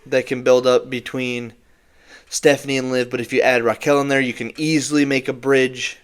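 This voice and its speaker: Young male co-host, smooth resonant voice, rambling recap chatter. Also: mid-range voice. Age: young adult. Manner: rambling, stumbles over words. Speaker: podcast co-host. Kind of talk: casual wrestling recap chat.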